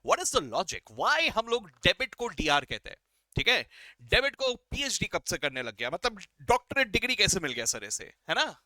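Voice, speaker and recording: A man's voice: high-pitched, very animated, normal speed, bright, forceful tone, no room sound. A male accounting teacher giving a playful lecture, quizzing his viewers and mixing English phrases into his talk. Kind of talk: classroom-style lecture.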